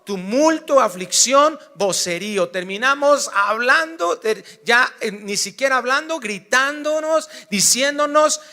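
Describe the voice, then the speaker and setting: A man preaching a sermon as pastor, acting out little scenes and swinging from hushed to loud. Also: high-pitched. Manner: animated preaching, acts out dialogue, swings from hushed to shouting.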